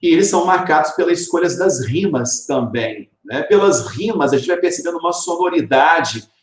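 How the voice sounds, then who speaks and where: A man's voice: on the high side, expressive, moderate pace. Man teaching in an echoey room. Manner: explanatory, tags lines with rhetorical "né?". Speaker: literature teacher. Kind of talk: recorded video lesson.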